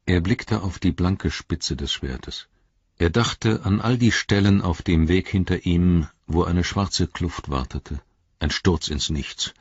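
A man narrating an audiobook in a slow, sombre and measured reading. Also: rumbling low, slightly rough, dry recording, dull audio. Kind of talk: scripted narration.

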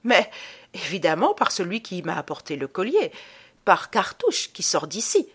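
A woman's voice: fairly low pitch, huge pitch swings, normal speed, a bit bright, slightly rough, heavily acted. A woman reading the part of a mocking young courtesan in an audiobook, teasing and offhand.

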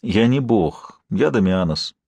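A male reader voicing a bewildered, gentle young Greek wanderer who speaks in a halting, stunned murmur. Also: sits low, animated, vocal fry, slightly rough, dry recording, voice pushed down, exaggerated voice.

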